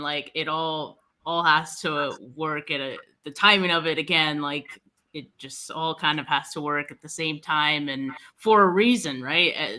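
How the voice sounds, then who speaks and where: A woman's voice: deep voice, bright, forceful tone. A woman interviewer in a casual sports conversation, easing into questions with wordy, conversational lead-ins.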